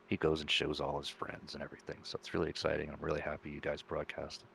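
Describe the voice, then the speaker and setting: Very deep gravelly man in his forties. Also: monotone, fast talker, fairly bright tone, slight background noise. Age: 40s. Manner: rambling, heartfelt, full of thanks. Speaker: sim racing driver being interviewed. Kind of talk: casual post-race interview.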